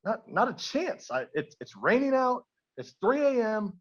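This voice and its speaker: A man's voice: on the high side, moderate pace, fairly bright tone, dull audio. A man voicing a sleepy, exasperated husband roused in the night, in a joke. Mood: tired husband. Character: woken-up husband, grumpy then guilty.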